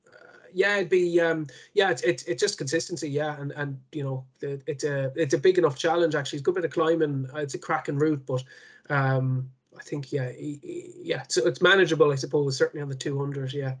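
A man with a west of Ireland accent, chatting casually as an interview guest in a halting way, often repeating words. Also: a little high, fairly even intonation. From Connemara, west of Ireland. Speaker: interview guest, ultra cyclist.

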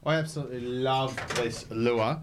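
A man's voice: medium pitch, moderate pace, slight background noise. An Australian man co-hosting a live show with casual, chatty banter. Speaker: radio show co-host.

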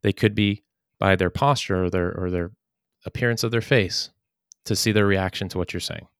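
A man hosting a solo podcast, talking in a relaxed, earnest way and acting out short sample lines. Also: low-pitched, moderate pace, smooth, no echo, studio quality. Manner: relaxed, earnest, demonstrates tones with role-played lines. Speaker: podcast host.

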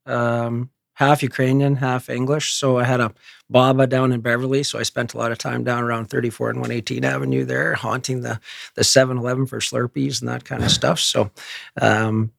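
A man in his fifties with a gravelly, creaky edge to his mid-pitched voice. He is a retired police inspector chatting easily and wryly about his life, and the close mic keeps the sound dry and free of room echo. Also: brisk. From Edmonton, Canada. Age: 50s. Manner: relaxed storyteller, wry and self-deprecating. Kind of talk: casual interview conversation.

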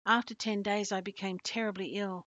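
A woman voicing an earnest young girl recalling a past life, in a quietly pleading way, on a dull, dry recording. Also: medium pitch, steady tone, normal speed, dry recording, natural voice.

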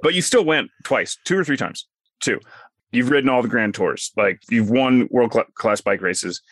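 A man's voice: medium pitch, moderate pace, dry recording. A man hosting a casual, chatty podcast, recorded sitting inside a small home closet used as a soundproof booth. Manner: informal, chatty. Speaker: podcast host, company co-founder.

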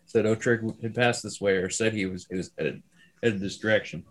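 A man with a very deep voice playing his adventurer in a tabletop game. He is blunt and plain-spoken, often restarting his sentences. A faint noise sits behind him. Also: fairly even intonation, fairly quick. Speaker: player. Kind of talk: in-character tabletop play.

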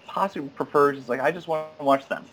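A man in his thirties, an actor chatting as an interview guest, animated, laughing often and slipping into voices. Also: fairly high pitch, fast, low-quality recording. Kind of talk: casual interview chat.

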